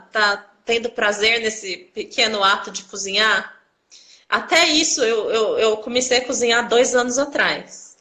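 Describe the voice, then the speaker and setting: A woman chatting on a live video call, telling personal stories in an animated way and acting out the people in them. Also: medium pitch, rough recording. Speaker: co-host of a live video conversation. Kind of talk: casual live conversation, personal storytelling.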